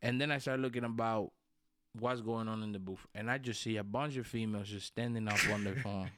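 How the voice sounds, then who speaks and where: A man's voice: on the low side, steady tone, fairly quick, very noisy. A man in a casual, profane chat, ranting insistently in street slang and repeating his phrases.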